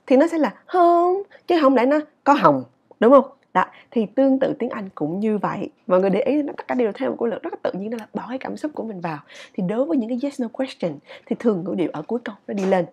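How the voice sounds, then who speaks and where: A woman teaches English in a relaxed video lesson. Her voice is husky and her pitch swings widely as she talks. She keeps a chatty, animated rhythm and keeps checking in with her listeners. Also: fast, muffled recording.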